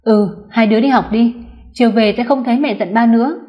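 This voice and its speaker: A woman reading the lines of a young husband who is gentle but hurt and has turned cold, in a storybook reading. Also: fairly high pitch, a little fast, natural voice. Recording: dull lo-fi recording.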